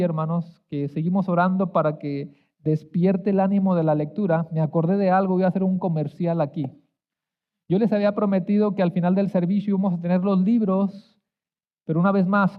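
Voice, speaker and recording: A man preaching a sermon as pastor, earnest and drawing out key words, with some restarts. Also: high-pitched. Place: church sanctuary. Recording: echoey hall, tinny phone-like sound.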